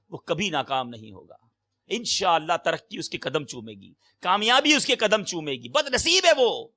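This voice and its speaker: Impassioned high-voiced male preacher. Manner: impassioned, emphatic exclamations, big swings between loud and soft. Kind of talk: Urdu sermon.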